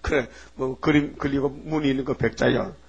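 A man preaching a storytelling sermon, reading scripture slowly and prodding his listeners with rhetorical questions. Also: medium pitch, steady tone, gravelly, breathy edge. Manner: reads scripture slowly and solemnly. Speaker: pastor. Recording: muffled lo-fi recording.

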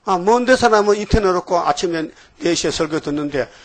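A man's voice: high-pitched, animated, fairly quick. A middle-aged man preaching a sermon in a church, peppering his congregation with rhetorical questions and folksy asides. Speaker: pastor.

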